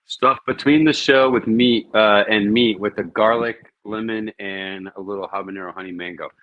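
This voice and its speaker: A man's voice: on the low side, steady tone, moderate pace, narrow, tinny audio. A man hosting his own cooking vlog, chatting casually and thinking aloud as he grills. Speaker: cooking show host.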